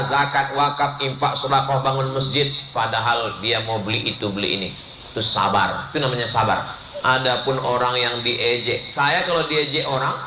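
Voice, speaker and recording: A man's voice: medium pitch, bright, forceful tone, slight background noise. A middle-aged man preaching a live sermon, playful and joking, acting out little scenes and quizzing his congregation. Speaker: Islamic preacher. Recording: roomy hall reverb.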